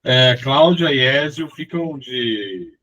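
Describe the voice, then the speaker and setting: A man's voice: medium pitch, animated, slow, pushed and bright, highs cut off. A man coordinating a study-group meeting on a video call, friendly and brief. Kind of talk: casual chat, organizing a meeting.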